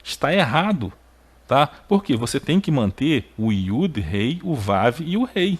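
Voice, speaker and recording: A man giving a video lesson on biblical Hebrew. He is emphatic, keeps checking with short tags, and his pitch jumps up when he stresses a point. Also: very animated, measured pace, breathy edge. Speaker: Hebrew teacher.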